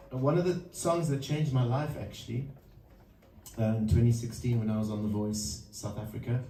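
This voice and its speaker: A man from Zimbabwe, introducing a song at a live music session in a halting, thoughtful way full of pauses and fillers. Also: mid-range voice, mellow. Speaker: singer-songwriter introducing a song. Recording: roomy, distant mic with faint background noise.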